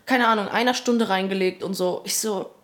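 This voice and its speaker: A young woman, co-hosting a casual podcast and talking in a relaxed, slangy way. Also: medium pitch, brisk. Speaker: podcast co-host. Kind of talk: casual chat.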